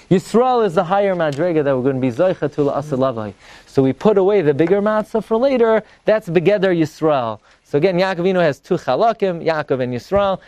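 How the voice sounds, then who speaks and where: A man with giving an animated religious class as a rabbi, emphatically posing questions and answering them. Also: high voice. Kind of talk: animated Torah lecture.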